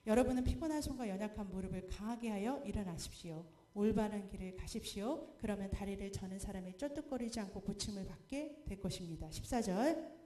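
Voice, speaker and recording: A woman missionary preaching a sermon, lively, asking the congregation questions and acting out quoted pleas. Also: mid-range voice, roomy sound, a little hiss or hum. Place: church.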